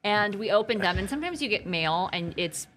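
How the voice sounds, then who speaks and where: A woman from Arizona, a news anchor co-hosting a casual podcast, upbeat and teasing with quick comebacks. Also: medium pitch, lively intonation, a bit bright, slight background noise. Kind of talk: casual chat.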